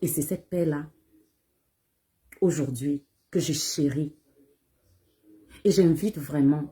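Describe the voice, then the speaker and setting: A woman's voice: low voice, mellow. A woman singer with a Cameroonian French accent, speaking to her audience in an emphatic, repetitive way, asking herself rhetorical questions. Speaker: bikutsi singer. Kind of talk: casual direct-to-audience address.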